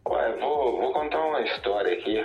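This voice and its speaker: A man's voice: medium pitch, expressive, moderate pace. A man rambles through a story over the phone, heavy with fillers. His voice comes down a muffled, lo-fi line with a hollow, echoey ring, and faint music sits behind him. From Minas Gerais, Brazil. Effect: heard over the phone. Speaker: caller. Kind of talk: casual storytelling.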